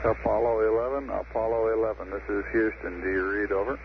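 A man's voice: lowish voice, level tone, brisk, gravelly. A man at mission control, calling a crew in clipped, formal radio phrasing over a crackly radio link. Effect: heard over a crackly radio link. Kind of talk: procedural radio voice checks. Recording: noisy lo-fi 1960s radio archive.

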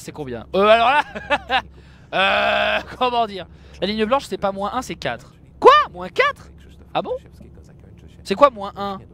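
A high-pitched, somewhat bright male voice belongs to a video game streamer chatting over his gameplay. He exclaims at his mistakes and throws in joking, self-mocking asides for his audience.

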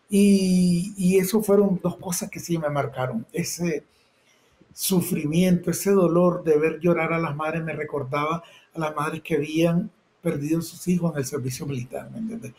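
A middle-aged Nicaraguan man, a photojournalist, telling his experiences vividly in an interview, acting out shouts and sound effects. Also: on the high side, low-quality recording. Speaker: photojournalist guest. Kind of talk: personal storytelling interview.

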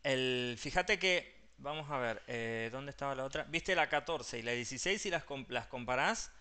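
A man's voice: medium pitch, expressive, moderate pace, bright, forceful tone, clear, resonant tone. A man with a Rioplatense Spanish accent, an English teacher patiently explaining pronunciation step by step and mixing English terms into his Spanish.

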